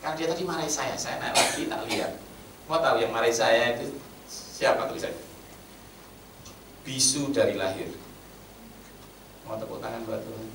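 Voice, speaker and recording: A man preaching a sermon in Javanese-tinged Indonesian, blunt and animated, swinging between loud outbursts and hushed asides. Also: mid-range voice, normal speed, pauses often. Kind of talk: sermon with storytelling. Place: church meeting hall. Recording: roomy echo, from a distance, faint background hum.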